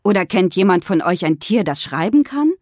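A woman's voice: on the low side, sing-song, moderate pace, a little mellow, no echo, studio quality. A woman voicing a dramatic, theatrical young schoolgirl. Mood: knowing. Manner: theatrical, lamenting.

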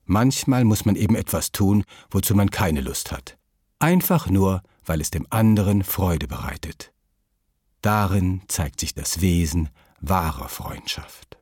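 A man reading a children's story in a calm, measured narrating voice. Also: sits low, breathy edge, dry recording, studio quality.

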